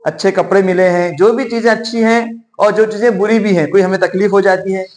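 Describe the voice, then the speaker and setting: A man's voice: high-pitched, steady tone, a little fast, darkish tone. A man teaching a class of children, patiently repeating questions and prompting them to answer back. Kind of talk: classroom teaching in call and response.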